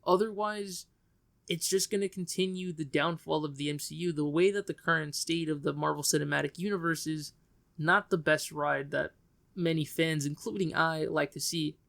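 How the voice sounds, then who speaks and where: A man's voice: a little high, normal speed, vocal fry, fairly bright tone. A man reviewing a film in a casual vlog, talking frankly and opinionatedly in loose, trailing phrases.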